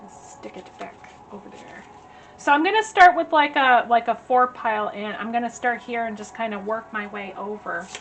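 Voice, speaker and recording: Woman, tarot reader, casual rambling talk, fairly high pitch, slightly hoarse, faint background noise. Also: fairly bright tone. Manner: chatty, rambling, many fillers. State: slightly hoarse, losing her voice. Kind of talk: casual tarot reading to camera. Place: at home.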